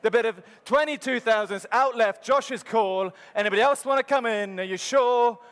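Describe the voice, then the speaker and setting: A man's voice: very high-pitched, moderate pace, fairly bright tone, clear, resonant tone. A man working as an auctioneer at a live sale, calling bids in a rhythmic, repetitive chant. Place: large sale arena. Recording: hall reverb from sale ring PA.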